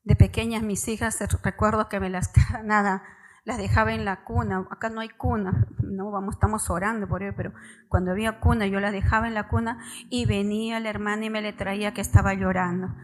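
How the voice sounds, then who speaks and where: A woman's voice: mid-range voice, level tone, brisk, rough recording. Emphatic woman preaching to parents. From Peru. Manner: direct, emphatic address to parents, stressing key words. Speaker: church preacher. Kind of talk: sermon. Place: church service.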